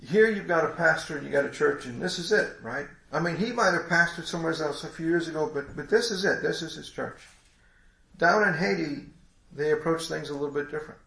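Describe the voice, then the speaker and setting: A man's voice: fairly high pitch, gravelly, sharp tone, roomy sound. A congested man preaching a sermon in a folksy, rambling way with many restarts.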